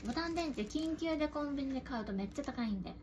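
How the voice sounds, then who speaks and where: A woman's voice: high voice, lively intonation, very fast. A young woman with a cute, girlish anime-style voice, chatting casually to camera as she hosts an unboxing vlog. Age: young adult. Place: room at home. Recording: noisy room, rustling and clicks.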